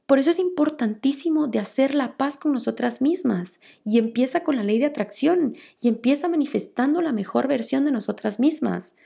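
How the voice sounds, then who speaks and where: A woman's voice: high-pitched, animated, normal speed, vocal fry, few pauses, warm tone, slightly rough. A young woman, talking casually on a motivational podcast as a coach, earnest and repetitive, coaxing listeners with rhetorical questions. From Guatemala.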